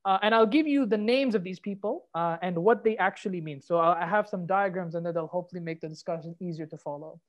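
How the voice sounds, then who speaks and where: A man from Kuwait giving a conversational guest lecture over a video call, explaining in a relaxed way and dropping in Arabic phrases. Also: high voice, quick pace, hardly any pauses, lo-fi sound. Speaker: guest lecturer, assistant professor.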